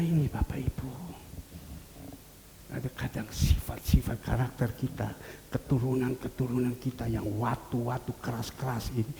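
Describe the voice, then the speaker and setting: An older man preaching a sermon as pastor in a church hall, swinging from loud pleading cries to low murmured asides. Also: gravelly. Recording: reverberant church hall, faint noise.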